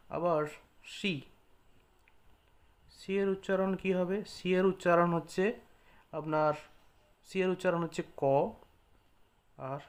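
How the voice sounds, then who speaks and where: A man teaching an English lesson, slowly spelling out letters and example words one at a time. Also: a little high. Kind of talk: slow spoken English lesson.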